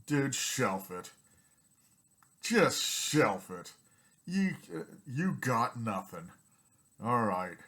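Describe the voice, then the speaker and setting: A man's voice: medium pitch, a bit bright. Angry ranting man with a strained throat. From United States. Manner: angry, blunt, repetitive ranting. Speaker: vlogger. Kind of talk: ranting vlog monologue.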